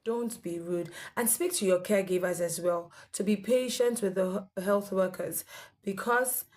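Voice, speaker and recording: Speaking straight to camera at a moderate pace, a young health vlogger who has sickle cell offers her viewers sincere, instructive advice, with fillers and the occasional restart. Her voice is a woman's, medium in pitch with a darkish tone.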